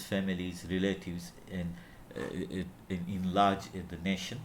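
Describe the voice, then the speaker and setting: A middle-aged Tanzanian man with a Tanzanian accent, giving a measured, halting conference lecture and often restarting his words. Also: sits low, a little hiss or hum. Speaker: conference speaker. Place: at home or office, recording remotely.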